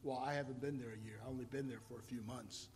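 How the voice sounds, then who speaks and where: In this sermon, a man from Taiwan in his fifties recounts his own story, rising to emphatic peaks and dropping back into quiet reflection. His medium-pitched voice holds a steady tone at a quick pace, with a little hiss or hum in the recording.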